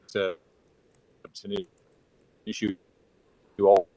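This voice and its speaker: A man from Kansas joining a formal committee meeting remotely. His audio connection keeps cutting out, so his speech reaches the room halting and broken into fragments. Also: lowish voice, level tone, gravelly, mellow, slight background noise. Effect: choppy, cutting-out online audio connection.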